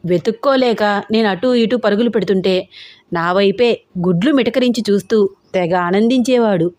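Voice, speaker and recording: A frail old mother-in-law who grumbles and scolds her family nonstop, as a woman storyteller puts her on. The voice sits at a middle pitch for a woman. It is heard dry and close in an audio story. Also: darkish tone, dry recording, lightly acted.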